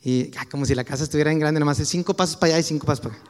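Mexican guy preaching, pretty high voice, chatty storytelling, big echoey hall. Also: rapid-fire. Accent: Mexican Spanish. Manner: conversational, anecdotal, slangy. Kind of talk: sermon.

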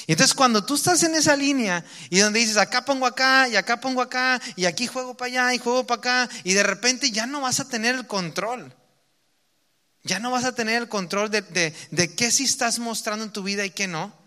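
A man with a Mexican accent preaching a sermon, reading scripture slowly and emphatically, then explaining it in casual asides. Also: high voice, sharp tone, long reverb tail. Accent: Mexican Spanish.

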